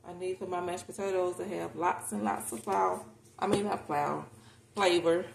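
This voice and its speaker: An American home cooking vlogger talks to her viewers in a relaxed, candid, informal way as she cooks indoors in her kitchen. Her fairly low voice is creaky, steady in tone, and moderately paced, and the roomy space brings noticeable background noise.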